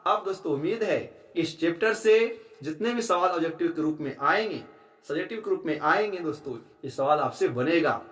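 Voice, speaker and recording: A man's voice: fairly high pitch, expressive, normal speed, fairly bright tone, echoey room. A man teaching a school textbook chapter, who repeats key lines and keeps checking in with his students. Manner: keeps asking "है ना?", "ठीक है"; repeats lines to drive them home.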